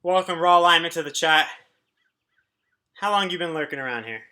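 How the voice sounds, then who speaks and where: A man coaches a home workout on a casual livestream, chatting informally with viewers and giving instructions from indoors at home. His voice is on the high side, with a brisk, bright and forceful tone.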